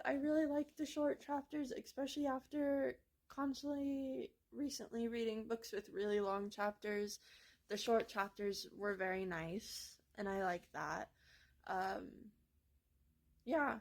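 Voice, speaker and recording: A woman's voice: high voice, measured pace, rough recording. A young woman chatting casually about books she has read, rambling with lots of fillers. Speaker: book reviewer. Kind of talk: casual book review vlog. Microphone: phone camera.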